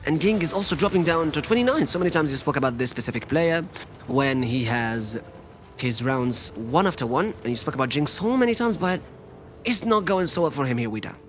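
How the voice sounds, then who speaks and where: A man giving lively play-by-play commentary on a live esports match, his voice leaping up on big moments. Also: brisk. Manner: excitable play-by-play, pitch leaps on big moments. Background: background music.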